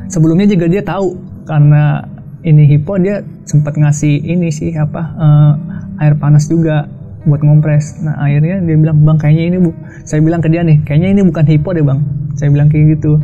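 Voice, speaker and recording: A man telling a story of his own in a casual, hushed, halting way, often quoting himself and others. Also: fairly high pitch, little pitch movement. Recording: dull lo-fi sound with faint music.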